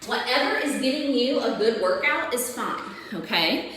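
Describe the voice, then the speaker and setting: A woman's voice: a little high, expressive, moderate pace, a bit bright, far from the mic, slight background noise. A woman fitness coach demonstrating exercises, encouraging and explaining each movement step by step. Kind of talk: workout instruction video. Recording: echoey gym with long reverb.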